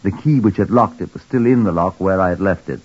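In 1940s radio acting style, a man plays a shrewd police chief inspector, narrating in a wry, reflective way. His deep, darkish voice is brisk with a breathy edge, captured in a dry, lo-fi vintage radio recording.

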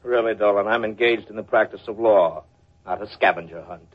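A man's voice: fairly low pitch, a little fast, slightly rough. An actor playing a pompous, irritable, coldly threatening male lawyer in 1940s radio drama style. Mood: indignant. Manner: pompous, curt. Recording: thin, phone-like old radio recording.

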